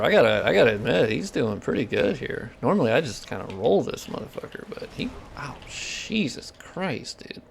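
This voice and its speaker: A game streamer talks casually and profanely with his viewers during live gameplay, his medium-pitched voice creaky against slight background noise. Between reactions he swears freely and explains technical details.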